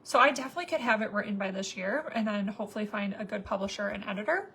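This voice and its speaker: A woman's voice: medium pitch, lively intonation, rapid-fire, bright, forceful tone, a little hiss or hum. A woman in her thirties chatting casually to viewers while doing her makeup, rambling with lots of fillers. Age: 30s. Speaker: makeup vlogger.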